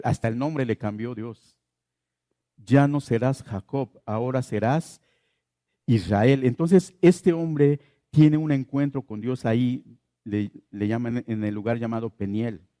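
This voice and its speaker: A man's voice: mid-range voice, dark tone, no echo, studio quality. A man preaching a sermon as pastor, asking the congregation questions and repeating his key phrases.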